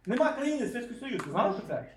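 A man preaching a sermon, asking his listeners questions and raising his voice to a shout for emphasis. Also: very high-pitched, very animated, racing, a crowd in the background. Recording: echoey room, mic far off.

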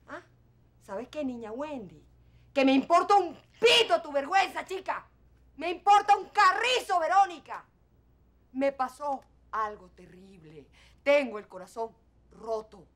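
A woman's voice: mid-range voice, slow, pauses often. An actress with a Venezuelan accent playing a hurt, proud middle-aged mother who turns cutting and sarcastic toward her daughter in a telenovela. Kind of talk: telenovela acting.

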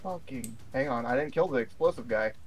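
A man's voice: mid-range voice, fairly quick. Reassuring man gaming, noisy stream. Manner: reassuring, jokey, swears casually. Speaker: co-op gaming partner. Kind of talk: casual gameplay chat.

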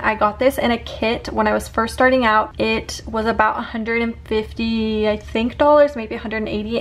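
An eighteen-year-old woman hairstylist from California giving a chatty, upbeat tour of her salon station and cabinet. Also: on the high side. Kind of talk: casual salon tour vlog. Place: indoor hair salon. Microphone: handheld camera close by.

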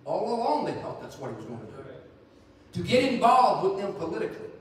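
A middle-aged male evangelist with a high, very animated voice preaches quickly in a church sanctuary, joking through folksy stories before turning earnest. His sermon is recorded from far off in the echoey church.

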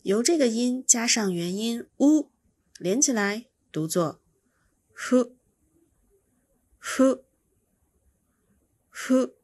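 A woman's voice: fairly high pitch, animated, a little slow, darkish tone, husky, no echo. A woman teaching pronunciation, patiently explaining each sound and demonstrating it by repeating it. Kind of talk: slow instructional explanation.

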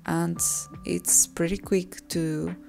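Low, gravelly-voiced woman narrating softly. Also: flat delivery. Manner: soft, unhurried, self-correcting. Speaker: cooking vlogger. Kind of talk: calm voice-over narration. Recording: voice-over with soft background music.

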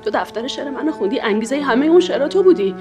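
A woman's voice: high-pitched, expressive. An actress playing a young woman pleading with her cousin, whom she loves, speaking in an insistent, pleading way. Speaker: actress in a TV drama. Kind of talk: TV drama acting. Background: music score.

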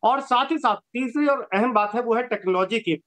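A man reporting a business news story from a TV studio, brisk and informative, with short filler pauses. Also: very high-pitched, fairly bright tone.

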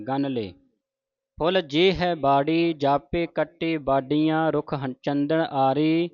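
A man teaching scripture pronunciation, reciting verses slowly in a measured chant and stopping to correct words. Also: a little high, clear, resonant tone, no room sound, muffled recording. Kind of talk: slow recitation lesson with corrections.

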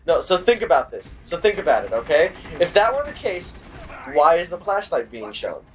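A man co-hosting a gaming video, telling stories in an animated, exasperated way and shouting at the game in bursts. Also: fairly high pitch, normal speed. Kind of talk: casual chat while playing a game.

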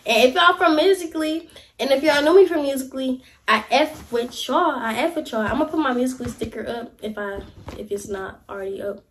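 A woman's voice: high-pitched, fairly quick, a little hiss or hum. A young woman, chatting casually to camera in a life-update vlog, full of "y'all" and "like". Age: young adult. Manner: chatty, repeats "y'all" and "like", animated gestures. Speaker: vlogger. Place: small indoor room, seated in chair.

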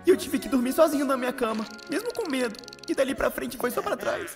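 A woman voices a small male cartoon cat who whines and pleads in a very high voice, then flares up with temper. The voice swings up and down, and loud music plays behind it. The accent is Brazilian Portuguese. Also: lively intonation, quick pace. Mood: sad narration. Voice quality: high, emotional, whiny. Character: whiny, hot-tempered young male cat, feels betrayed. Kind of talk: fan-dubbed cartoon acting.

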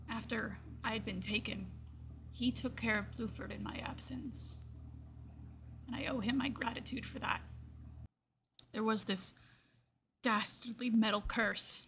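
A woman performs a fantasy game monologue as a gentle old lion-folk druid with gray fur, her voice a little high. She speaks wistfully and reflectively, pausing and letting phrases trail off into hushes, moving from solemn gratitude into wistful resignation. There's slight background noise.

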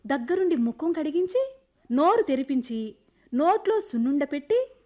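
Radio play: young woman as a bold, mischievous village girl, very high voice. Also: normal speed, muffled recording. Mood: scheming. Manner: lively, teasing, mischievous.

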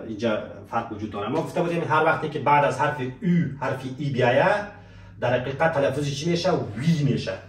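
A man teaching a French lesson, slowing right down on example phrases and asking students to repeat them. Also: mid-range voice, recorded from a distance. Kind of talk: spoken language lesson with slow example phrases. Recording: roomy echo, voice from off the mic.

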